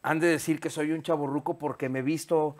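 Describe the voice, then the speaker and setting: A Mexican man in his fifties sits on a studio sofa and talks openly as an interview guest, with a lapel mic close to his voice. His voice sits a little high for a man. He speaks with animated energy and curses casually. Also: brisk. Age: 50s. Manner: candid, animated, swears freely, gestures a lot.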